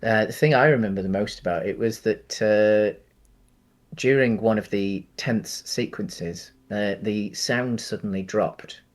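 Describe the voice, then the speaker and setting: A man in his late 30s co-hosts a film review podcast, chatting casually in a lowish, unhurried voice. He thinks aloud, rambling and hesitant.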